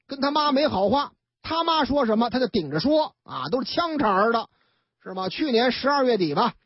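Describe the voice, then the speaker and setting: This Beijing-accented man tells a crime story over the radio in a loose, conversational way, performing each character as he goes. His very high voice swings widely in pitch and moves briskly. The broadcast sounds dull and lo-fi, dry with no room sound.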